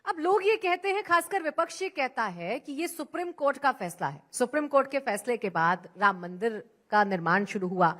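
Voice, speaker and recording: A woman's voice: high voice, animated, normal speed, hardly any pauses, a bit bright. A woman interviewer asking a politician direct, pointed questions.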